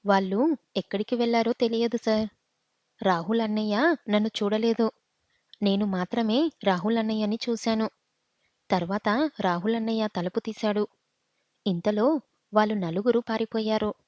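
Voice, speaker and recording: A woman's voice: medium pitch, steady tone, normal speed, long pauses, darkish tone, dry recording, dull audio, lightly acted. Woman voicing a frightened young girl witness.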